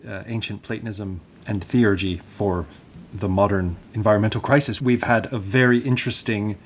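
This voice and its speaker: A man's voice: on the low side, a little hiss or hum. A man hosting an academic interview, engaged and conversational, with some hesitations. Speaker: podcast host.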